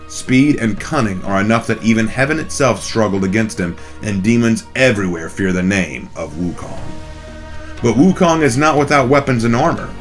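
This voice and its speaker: A man hosting a scripted explainer video, his voice slightly off from a cold. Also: medium pitch. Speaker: video host.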